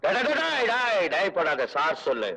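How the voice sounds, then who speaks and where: An actor playing a cocky, quick-witted man who mocks a villain with sarcastic wordplay, in old film dialogue. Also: high-pitched, huge pitch swings, pushed and bright, far from the mic, heavily acted, low-quality recording. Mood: bargaining. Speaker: film hero. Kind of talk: 1970s Tamil film dialogue.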